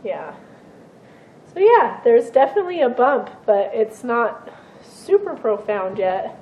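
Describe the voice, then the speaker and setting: A young woman vlogging at home to her camera, hoarse from a cold, chatting in a rambling way with many ums and throat-clearing. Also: on the high side, big pitch swings, slow, narrow, tinny audio. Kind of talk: casual vlog chat to camera. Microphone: camera set on a surface.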